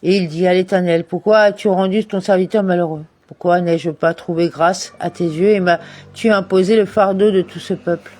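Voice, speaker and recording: A man with a fairly high voice reads a study text aloud in a steady lesson style. He stumbles now and then and corrects himself. The sound is dry and close, with no room around it. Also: moderate pace, no room sound. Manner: reads steadily, with occasional restarts and self-corrections. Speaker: Torah study reader. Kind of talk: reading a commentary text aloud.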